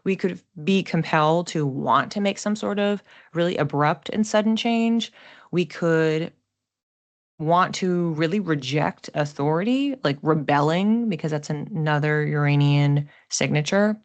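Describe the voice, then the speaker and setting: This low-voiced woman hosts an astrology forecast at a slightly slow pace, and the audio is lo-fi. She keeps things casual and explanatory, now and then voicing the thoughts she imagines listeners having.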